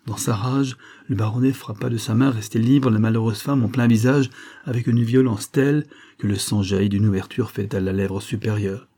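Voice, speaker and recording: Man reading an audiobook, low husky voice, steady storytelling. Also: moderate pace. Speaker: audiobook reader. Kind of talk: scripted narration of a novel.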